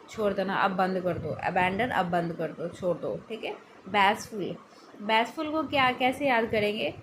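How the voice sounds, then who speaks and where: A woman's voice: a little high, low-quality recording. Woman teaching vocabulary over background noise. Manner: chatty, repeats words as memory aids. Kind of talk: casual explanatory lesson.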